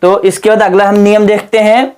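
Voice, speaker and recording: Man teaching in a slow, questioning style. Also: high voice, level tone, darkish tone, clean tone. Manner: asks the listener rhetorical questions and answers them; spells words out letter by letter, slowly. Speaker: English grammar teacher. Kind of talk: classroom-style explanation.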